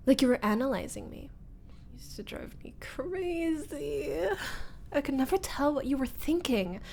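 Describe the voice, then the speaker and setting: In an intimate ASMR-style roleplay monologue, a woman slowly acts out a teasing young former school bully turned nervous roommate, with a high, slightly mellow voice. She is wistful and confessional, halting and breathy, dropping into whispers between nervous chuckles and sighs.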